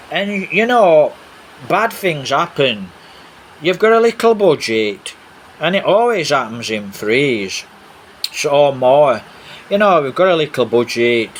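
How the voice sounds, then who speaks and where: A man giving a casual, rambling, repetitive vlog narration over video footage. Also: medium pitch. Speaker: vlogger. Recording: steady background noise, rain on roof. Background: rain on a roof.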